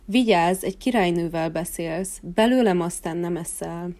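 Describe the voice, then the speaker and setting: A woman's voice: lowish voice, a little mellow, natural voice. A woman voicing a proud, haughty queenly rose in a storybook, speaking grandly.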